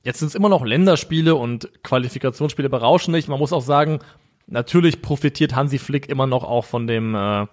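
Ruhig analysierender Mann, mittlere Stimmlage. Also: male voice, mid-range voice, darkish tone. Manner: measured, analytical. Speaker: podcast co-host. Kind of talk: casual football analysis.

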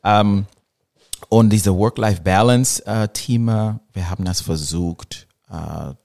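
A low-pitched man chats casually in German with a clear American English accent. He is a non-native speaker who searches for words, drops in English terms and often tags his sentences with a short question. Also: takes it slowly, darkish tone. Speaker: podcast guest, marketing business owner. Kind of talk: casual conversational interview.

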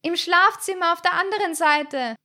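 A woman's voice: very high-pitched, normal speed, pushed and bright, pitched above the performer's own voice. A woman voicing a frightened young woman calling from far away in a thin, distant-sounding voice. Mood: eerie.

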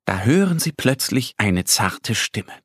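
A male narrator reads a children's story slowly, with a gentle manner. His pitch moves in wide, lively swings. A slightly husky tone comes through a dry, close studio mic. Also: no room sound.

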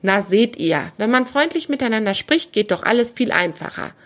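A woman voicing a friendly, motherly wild sow who calms others in a children's storybook reading. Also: on the high side, moderate pace. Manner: kind and soothing.

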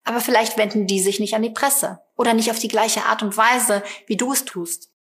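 A woman's voice: a little high, steady tone, brisk, fairly bright tone. A woman hosting a solo podcast, coaching listeners directly and encouragingly, now and then acting out short quoted voices. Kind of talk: solo podcast advice talk.

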